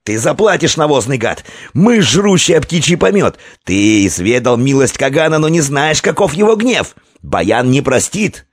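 A man reading an audiobook and voicing an arrogant, menacing Avar envoy who shouts threats in a high, strained roar. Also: sing-song, normal speed, no echo, clean studio sound. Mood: screaming rage.

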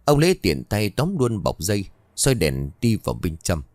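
Male storyteller, low and lively voice, dramatic horror narration. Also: normal speed, dry recording.

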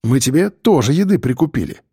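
A cheerful joking man bringing gifts, as a male narrator puts him on. Lively in pitch, mellow in tone, recorded close and dry. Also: brisk, husky, no room sound, full character voice.

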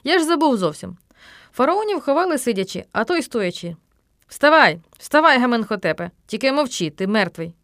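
A woman voicing a bossy, excitable boy who orders his friends about in a theatrical way. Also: on the high side, moderate pace, no echo, studio quality, pitched above the performer's own voice.

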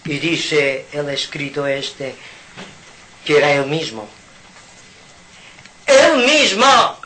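A man from Mallorca, giving an informal spiritual talk at home in an animated, preaching manner with rhetorical questions and sudden loud outbursts. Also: medium pitch, takes it slowly, rough recording. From Mallorca, Spain. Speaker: spiritual speaker.

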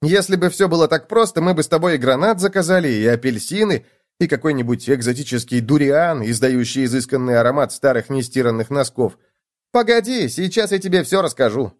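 A man's voice: animated, fairly quick, lightly acted. Man voicing a chirpy talkative gopher. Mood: chatty. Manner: bright, chatty, raised pitch. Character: cheerful talkative young male gopher. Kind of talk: storybook reading.

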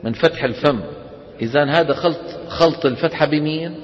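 Man teaching recitation in echoey hall. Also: on the high side. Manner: explains, then demonstrates slow drawn-out recitation. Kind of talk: tajweed lesson to a class. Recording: dull echoey lecture hall recording.

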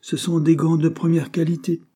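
A man's voice: fairly high pitch, little pitch movement, moderate pace, warm tone, slightly rough, voice pushed up. A man voicing an earnest, dutiful young clerk who explains patiently and firmly.

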